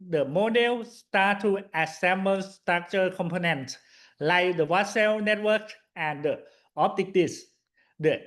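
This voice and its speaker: High-pitched man haltingly presenting research, slow pace. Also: a bit bright. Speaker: PhD student presenting a thesis. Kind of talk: scripted academic slide presentation.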